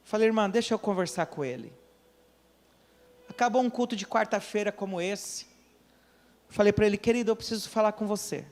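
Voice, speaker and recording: A pastor from Brazil preaching a sermon, telling a story and acting out the people in it, with questions to the congregation. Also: male voice, high-pitched, brisk, long pauses, big-room sound, soft background music. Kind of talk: sermon with acted dialogue. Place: church during a service.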